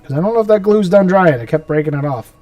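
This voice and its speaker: A man's voice: sits high, expressive, fast, darkish tone, no room sound. A man streaming himself painting miniatures, chatting casually and muttering to himself as he works. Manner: rambling, talks to himself as he works. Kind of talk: casual live-stream chat while painting. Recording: mic a bit far off, music behind.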